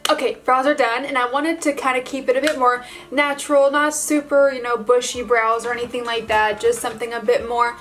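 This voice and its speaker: A woman's voice: fairly high pitch, little pitch movement, brisk, hardly any pauses, a bit bright, soft background music. A woman vlogger talking casually to her viewers in a bubbly, gushing, informal way, as in a makeup tutorial. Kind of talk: casual chatty vlog tutorial addressed to viewers.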